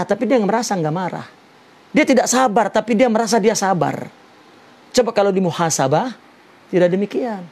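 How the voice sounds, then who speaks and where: A man teaching a religious lesson on a Sufi text, slow and deliberate, explaining Arabic terms with many "ya" fillers. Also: sits high, a little mellow.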